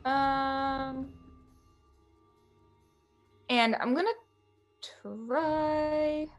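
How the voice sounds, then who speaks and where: A woman's voice: high voice, steady tone, drawn-out words, soft background music. A woman playing a tabletop game, unsure of her spells, apologetic and giggly. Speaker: player. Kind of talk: casual tabletop play.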